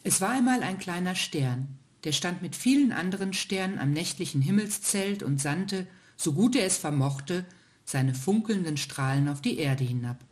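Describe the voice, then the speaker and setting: Casting: woman storyteller, low voice, calm scripted narration of a bedtime tale. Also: normal speed.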